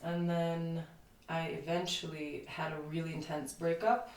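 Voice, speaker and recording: Speaking unhurriedly in a low, darkish, level voice, this interview guest muses and rambles, filling gaps with lots of fillers. She's in her thirties, grew up in Lithuania, and Lithuanian is her first language. The casual conversation was captured on a distant mic in an echoey room with faint ambience.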